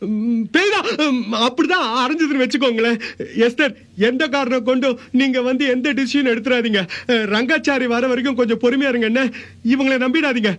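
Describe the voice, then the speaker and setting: An actor playing a flustered young man possessed by a spirit, hurried and defensive. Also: very high voice, fairly bright tone. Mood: urgent. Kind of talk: comedy TV serial acting.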